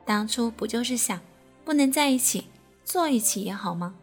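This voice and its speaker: A woman radio host reading an intimate story aloud in a slow, soft, close manner. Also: a little high, animated, faint music behind. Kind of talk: scripted erotic story narration.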